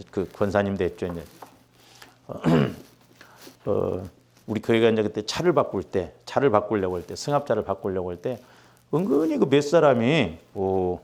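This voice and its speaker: Animated male pastor telling a story. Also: lowish voice. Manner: animated, acts out quotes with rising intensity. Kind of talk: sermon with storytelling.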